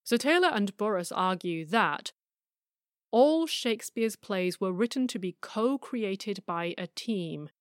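A middle-aged woman hosts a scripted podcast, speaking in a measured, emphatic way. She poses rhetorical questions and drops wry asides. Her voice sits at an ordinary middle pitch in a dry, close recording. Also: expressive, no echo. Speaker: podcast host.

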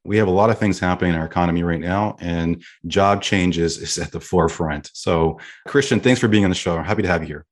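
A man's voice: low voice, fast, hardly any pauses. A man hosting a sales podcast, introducing his guest in an upbeat, enthusiastic way. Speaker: podcast host.

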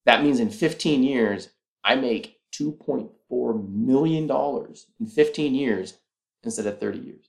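A man's voice: medium pitch, a little slow, creaky. A man hosting a podcast alone, talking earnestly and persuasively as he walks through numbers step by step. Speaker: podcast host. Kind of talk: casual solo podcast talk.

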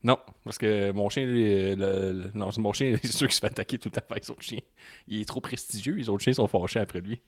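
Brief: Québécois male co-host, rapid rambling storyteller, dry close sound. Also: fairly low pitch, fairly even intonation, no room sound. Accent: Québécois French. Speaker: podcast co-host. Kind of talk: casual podcast chat.

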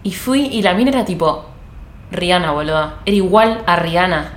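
A woman's voice: on the low side, animated, brisk, reverberant. A young woman with an Argentine accent chatting casually as a podcast co-host, slangy and emphatic. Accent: Argentine Rioplatense Spanish. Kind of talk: casual chat.

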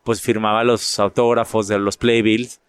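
Chatty Mexican actor with a low voice. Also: male voice, moderate pace, clear, resonant tone, no room sound. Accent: northern Mexican. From Monterrey, Mexico. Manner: animated, repeats words while finding them. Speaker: actor and guest. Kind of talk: casual storytelling interview.

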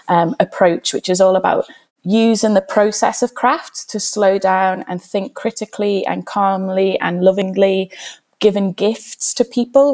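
A woman's voice: lowish voice, darkish tone. A woman speaking as an interview guest, explaining her work in an informal, conversational way. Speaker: guest, activist and author.

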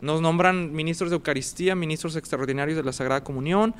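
Animated man telling a story. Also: on the high side, quick pace, smooth. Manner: animated, acts out dialogue and sounds. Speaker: guest telling his vocation story. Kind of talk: casual storytelling.

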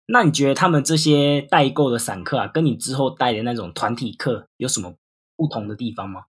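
A man's voice: medium pitch, fairly quick, fairly bright tone, husky. A man hosting a podcast, asking questions in a conversational interview style.

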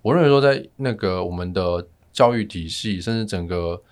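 A man with a Taiwanese Mandarin accent explaining things as a guest in a casual podcast interview, softening his sentence endings. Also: low voice, expressive, moderate pace. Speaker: family physician guest.

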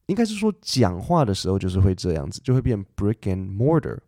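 A man hosts a casual podcast lesson in a low, mellow voice. He chats easily, pausing and restarting as he thinks aloud. The sound is dry and close, with no room echo. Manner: relaxed, chatty, thinks aloud with fillers and restarts; reads English news text slowly and carefully. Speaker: English teacher podcast host.

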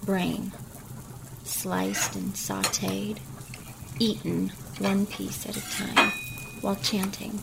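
Woman horror narrator, very slow, gravelly and hushed, with music behind. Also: mid-range voice, little pitch movement, heavy background noise. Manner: hushed, slow, often whispered.

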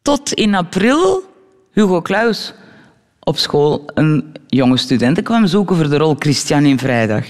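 A Flemish woman, a guest actress in a radio interview, telling animated anecdotes and acting out the voices of people in them. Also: low-pitched, measured pace, in a large hall. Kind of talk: lively storytelling in a radio interview.

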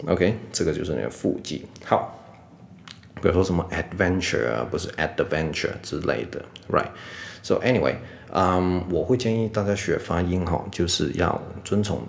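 A man teaching English pronunciation in a casual video lesson, dropping "OK" all the time, slowing down to demonstrate and repeat sounds. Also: deep voice, gravelly, a little mellow. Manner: sprinkles "OK" and English asides constantly. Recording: echoey room.

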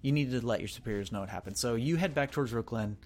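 A man's voice: medium pitch, fast talker, a little mellow. Male game master, casual and rambling, mid-range voice. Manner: casual, rambling with fillers and restarts. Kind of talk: narrating a tabletop role-playing game.

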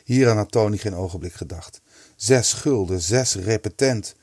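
A man narrating a storybook in a lively, expressive reading. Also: on the low side, moderate pace, no room sound, studio quality.

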